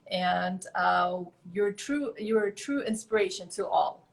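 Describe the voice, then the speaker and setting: A woman's voice: mid-range voice, unhurried, creaky. A woman hosting a live online interview, friendly and upbeat, chatting casually while waiting for her guest. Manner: friendly, upbeat, fills waiting time with small talk. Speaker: podcast host. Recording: echoey room with faint background noise.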